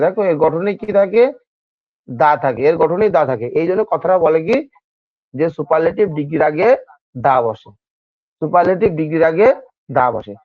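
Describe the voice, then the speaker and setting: A man's voice: high-pitched, dry recording, narrow, tinny audio. A man teaching an exam-prep grammar lesson, who repeats each point and keeps asking his students questions. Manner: addresses students informally. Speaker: English teacher.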